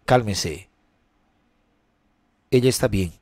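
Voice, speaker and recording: A man's voice: lowish voice, darkish tone, no room sound. A man playing a grave hospital doctor. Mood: somber. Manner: slow, grave, measured. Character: calm, somber male hospital doctor. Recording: music playing behind.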